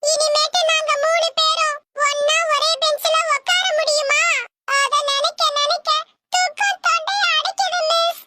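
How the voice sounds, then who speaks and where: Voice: extremely high pitch, steady tone, measured pace, bright, forceful tone, soft background music, heavily acted. A performer voicing a cheeky wisecracking schoolboy who talks back to his teacher in a comedy cartoon. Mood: mock-weepy.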